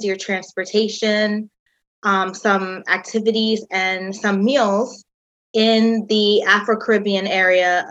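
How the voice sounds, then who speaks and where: A woman's voice: mid-range voice, sharp tone, highs cut off. A woman in her thirties from the United States, a tour company founder telling her story in a chatty interview with many "um"s and "like"s. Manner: chatty, uses lots of "um" and "like".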